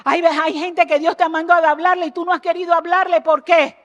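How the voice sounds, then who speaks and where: A woman preaching an impassioned sermon in a church, jumping between loud exhortation and low earnest asides and firing rhetorical questions at the congregation. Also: little pitch movement, fast, highs cut off. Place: church sanctuary.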